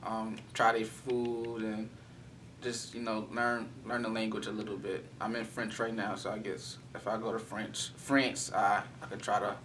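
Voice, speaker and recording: A young man answers casually and rambles a little. His low voice stays flat, and it is picked up from a distance with clear background noise. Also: moderate pace. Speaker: student. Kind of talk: interview answers. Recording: distant mic, noisy.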